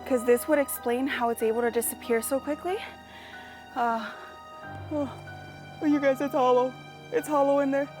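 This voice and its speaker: A young woman with a high voice vlogs outdoors in her garden. She speaks straight to her viewers, jittery and anxious, and keeps repeating herself. Music plays clearly behind her. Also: fairly even intonation, moderate pace, long pauses. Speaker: gardening vlogger. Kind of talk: casual vlog talking to viewers.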